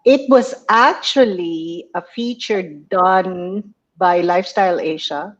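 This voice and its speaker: A woman guest coach answering interview questions in a warm, chatty way, laughing often and pausing with hesitations. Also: lowish voice, highs cut off.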